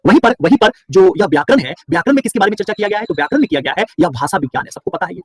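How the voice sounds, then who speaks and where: High-pitched and expressive, the male teacher from Bihar races through his online class lecture. He fires questions at his students, answers them on his own, and repeats words for stress.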